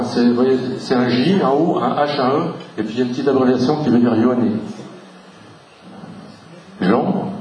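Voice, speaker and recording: A man giving an unhurried local history talk to a live audience, explaining each point step by step and spelling out letters from the slides. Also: medium pitch, darkish tone. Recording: echoey room, voice from far off the mic.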